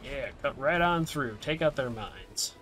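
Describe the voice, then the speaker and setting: Guy playing a strategy game and talking to himself, laid back commentary, middle pitch. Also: animated, a little slow, fairly bright tone, faint music behind. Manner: mumbling to himself while playing. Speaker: gameplay video creator. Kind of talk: casual gameplay commentary.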